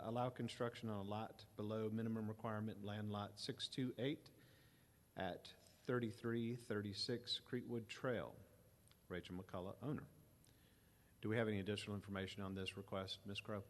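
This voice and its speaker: A man chairing a public board hearing in a formal, procedural manner, heard on a meeting-room hearing recording. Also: lowish voice. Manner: measured, procedural.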